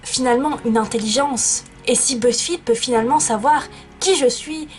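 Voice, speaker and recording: A woman's voice: sits high, moderate pace, soft background music. Chatty self-mocking young woman vlogger. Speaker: YouTuber. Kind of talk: casual vlog chat. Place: her bedroom.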